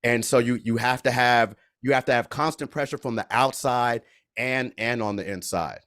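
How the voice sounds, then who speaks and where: A man on a video-call panel, his voice mid-pitched and dry, close to the mic. He talks quickly and emphatically, doubling up words as he drives his points home. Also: a bit bright, no room sound. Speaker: panelist, educator. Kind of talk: panel discussion remarks.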